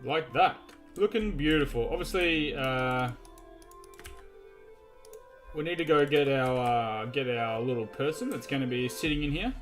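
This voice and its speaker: A man's voice: mid-range voice, measured pace, pauses often, fairly bright tone, soft background music. Chatty, rambling man narrating his gameplay. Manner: rambling, chatty, many fillers and restarts. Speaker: gaming video host. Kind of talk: casual gameplay commentary.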